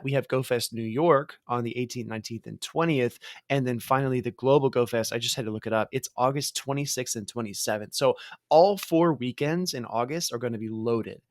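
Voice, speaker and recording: A man's voice: mid-range voice, fairly quick, no echo, clean studio sound. A man co-hosting a podcast in casual chat, easygoing and agreeable, often laughing along. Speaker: podcast co-host.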